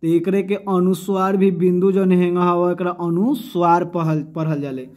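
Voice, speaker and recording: Speaking at a moderate pace in a high, level, slightly mellow voice, a male teacher works through grammar by asking himself questions and repeating every term. His speech blends Hindi with a Bhojpuri-like dialect, and he addresses pupils as "bauaa".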